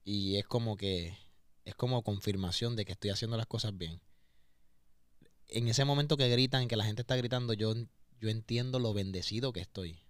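In a podcast studio, a man from Puerto Rico, a singer, speaks at a moderate pace with a fairly low pitch and a Puerto Rican Spanish accent. He's candid and emotional in the interview, often repeating words as he gropes for them. It's a dry, clean studio recording.

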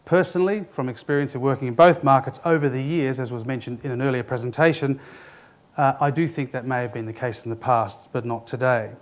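A man, a former radio executive, giving a measured, explanatory presentation at a conference and addressing the audience directly. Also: medium pitch, steady tone.

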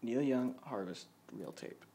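This man's mid-range voice is warm and expressive with a breathy edge, and he keeps a measured pace. He gives an informal, offhand walkthrough of his home studio, making light of himself. The clip comes from a handheld camera or phone mic in a dim room at a home computer, with music in the background.

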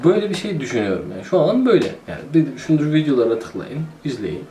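A man's voice: a little high, big pitch swings, very fast, dark tone, a little hiss or hum. A man giving casual, joking commentary while playing a city-building game and talking to himself. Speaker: gaming YouTuber. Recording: roomy echo.

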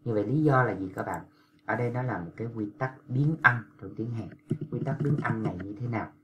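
A man's voice: mid-range voice, noisy background. A man teaching Korean pronunciation, patiently repeating and drawing out syllables. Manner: patient, repetitive, drawn-out demonstrations of pronunciation. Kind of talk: explanatory lesson for language learners.

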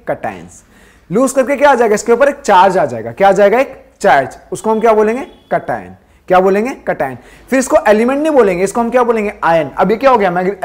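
A male science teacher with a darkish tone quizzes his class in rapid succession, answering each question himself. He drops lower when giving answers and repeats key terms drill-style.

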